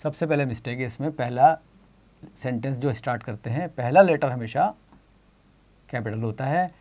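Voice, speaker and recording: Slow, patient Indian male teacher. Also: medium pitch, darkish tone. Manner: slow, patient explaining, reading sentences aloud slowly. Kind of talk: textbook lesson for children.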